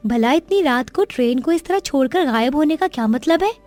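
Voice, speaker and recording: A woman plays an outspoken young woman in a cartoon horror story. Her voice sits very high, and she speaks with a confident, questioning edge. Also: lively intonation, fairly quick, a little mellow, faint music behind.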